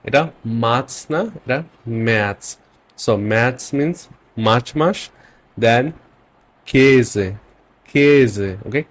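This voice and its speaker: A man at a middle pitch teaches a beginner lesson. He says every example word slowly and twice, then checks in with a quick "okay?" before he moves on. His delivery is patient and steady. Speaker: German language teacher. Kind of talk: language lesson in Bengali.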